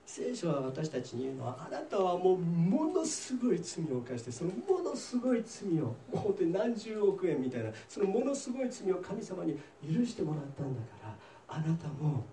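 A man delivers a sermon as a pastor, telling a parable in a lively storytelling manner. His voice sits high and swings widely in pitch, with a mellow tone. The sound is roomy and echoing, picked up from some distance away. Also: moderate pace, few pauses, a little hiss or hum. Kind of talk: sermon with English interpretation.

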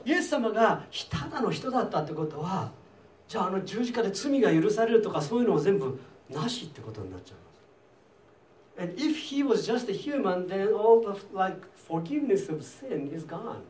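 A man's voice: high voice, sing-song, normal speed, darkish tone. A man preaching a conversational sermon as pastor, talking casually and putting questions straight to the congregation in a church hall. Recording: echoey room, voice from a distance.

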